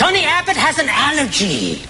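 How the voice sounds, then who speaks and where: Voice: high voice, wildly swooping pitch, a little fast, heavily acted. A performer playing a servile, melodramatic henchman devoted to a master, grave and obsequious, in live sketch comedy. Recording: loud music and crowd noise behind.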